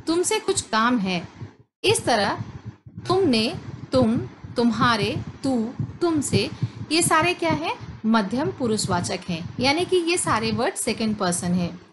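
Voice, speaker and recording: A woman teacher speaks in a rather high, very animated voice, rising and falling as she quizzes her listeners with rhetorical questions. Over a clear layer of background noise, she stretches out each example word in an unhurried lesson. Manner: slow, deliberate, stretches out example words and asks rhetorical questions. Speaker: Hindi grammar teacher. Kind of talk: explanatory classroom lesson. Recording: noisy background.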